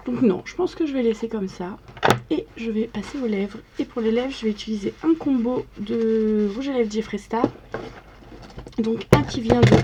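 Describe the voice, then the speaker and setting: A woman's voice: a little high, very noisy. A young woman chatting casually through a makeup tutorial, narrating each step as she works in front of the camera. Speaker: makeup vlogger.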